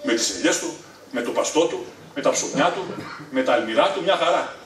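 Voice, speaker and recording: A middle-aged man from Thessaloniki, Greece, telling funny family stories live on stage, animated and leaping to a high excited pitch at punchlines. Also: distant mic, slight background noise. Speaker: stand-up storyteller. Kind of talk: live stand-up storytelling. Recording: echoey room, voice from afar.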